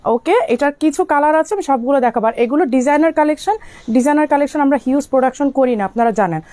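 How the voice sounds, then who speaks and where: A young woman from Bangladesh, slightly hoarse and coughing from illness, chatting with viewers as she sells on a live stream and answers their comments. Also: sits high, dark tone, no room sound. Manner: speaks slowly to spare her voice. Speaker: online shop owner selling on a live stream. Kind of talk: live-stream sales talk.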